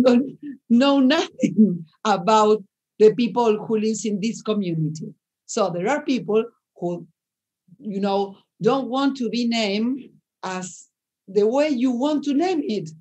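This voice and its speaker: Slow, halting Spanish-native woman. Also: on the high side, darkish tone. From Argentina. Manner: searching for words, frequent restarts. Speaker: panel guest writer. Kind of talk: webinar discussion. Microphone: video call.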